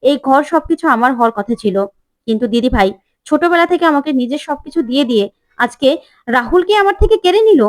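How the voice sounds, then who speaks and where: A woman's voice: sits high, expressive, fast talker, no room sound. A woman voicing a jealous, scheming young woman full of resentment in a soap-opera recap. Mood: bitter. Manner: bitter, resentful.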